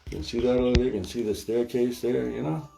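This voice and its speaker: An older man hosting a casual livestream podcast from his hallway at home, talking to viewers in an animated, folksy way through a propped-up phone. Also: mid-range voice, fast talker, gravelly. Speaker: podcast host. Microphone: phone or camera propped on a stand. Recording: echoey hallway with music playing.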